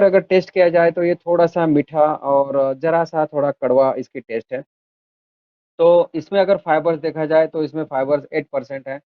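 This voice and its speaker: A man's voice: mid-range voice, no room sound. A man giving a health talk on millets, explaining step by step and listing items with frequent hesitations. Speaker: health educator. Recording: dry, phone-like narrow sound.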